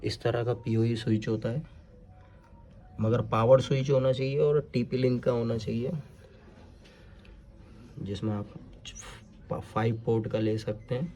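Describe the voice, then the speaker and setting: Pausing often, a man from India talks in a mellow, steady mid-range voice at a slightly slow pace. He's demonstrating a product installation off the cuff, explaining each step and dropping in English technical terms.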